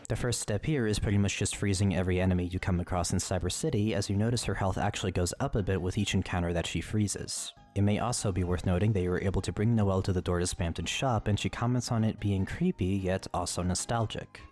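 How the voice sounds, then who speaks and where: A man's voice: low-pitched, quick pace, few pauses, a little mellow. A man narrating a scripted lore video, with casual asides and swearing.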